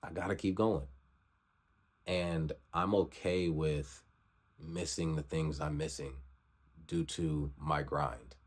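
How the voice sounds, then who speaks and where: A young man in his twenties with a very low voice gives a motivational vlog talk. He preaches in circles and keeps circling back to the same urging lines. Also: fairly even intonation, slow, long pauses, slightly rough. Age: 20s. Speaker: vlogger.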